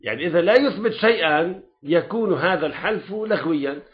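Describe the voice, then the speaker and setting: Lebanese male teacher for a classroom lecture: animated and lively, keeps checking that students follow, dull lo-fi sound. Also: high-pitched, fast. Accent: Lebanese Arabic. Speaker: religious law teacher.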